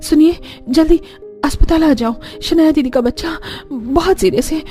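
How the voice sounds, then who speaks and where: A woman's voice: high-pitched, normal speed, mellow, faint music behind, close to an everyday voice. Woman voicing a devoted caring young mother. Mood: urgent. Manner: tender, urgent.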